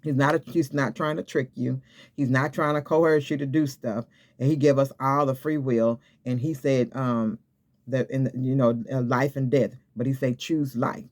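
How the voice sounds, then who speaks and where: A man's voice: mid-range voice, fairly even intonation, moderate pace. A man preaching an informal sermon to camera, exhorting and repeating himself, often checking in with "okay?". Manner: repetitive, exhorting, with many restarts and "okay?" checks.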